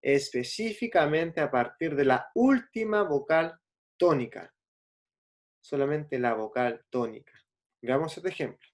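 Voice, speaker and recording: A man's voice: fairly high pitch, expressive, measured pace. A man teaching a class, patiently checking in with his listeners and spelling out letters and syllables. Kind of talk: classroom explanation.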